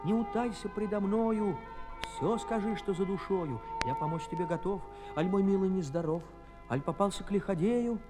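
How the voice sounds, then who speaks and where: A man voicing a small, loyal, wise humpbacked magic horse in a storybook, talking softly and quickly. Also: mid-range voice, big-room sound, music in the background, voice pushed down, close to an everyday voice. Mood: tender. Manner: soft, quick, hushed and comforting.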